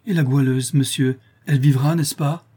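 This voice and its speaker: A man voicing a fervent, grateful young working-class woman, speaking in exclamations with a raised pitch. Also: fairly even intonation, moderate pace, warm tone, slightly rough, lightly acted. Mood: pleading.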